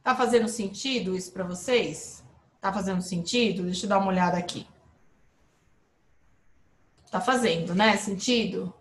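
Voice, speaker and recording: A woman teaching a live online English lesson, explaining with lively emphasis and checking in with her viewers. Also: medium pitch, normal speed, long pauses, echoey room, slight background noise.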